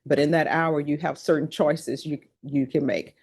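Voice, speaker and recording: A woman judge presiding in a courtroom, running through formal legal admonishments in a brisk, practiced way. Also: sits low, fairly even intonation, a little mellow, husky. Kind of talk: courtroom proceedings.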